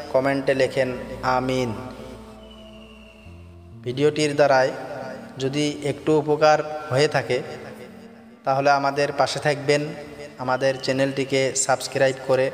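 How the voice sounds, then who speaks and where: A man with a Bangladeshi Bengali accent teaching Quran recitation, chanting verses slowly and then explaining pronunciation. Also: medium pitch. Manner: slow drawn-out chanting alternating with quick spoken explanation. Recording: echoey reverb with faint music.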